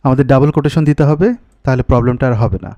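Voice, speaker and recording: A man's voice: mid-range voice, fast talker, mellow, no room sound. A man teaching a coding tutorial over a screen recording, thinking aloud, mixing in English technical terms and fixing errors as he goes. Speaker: coding instructor.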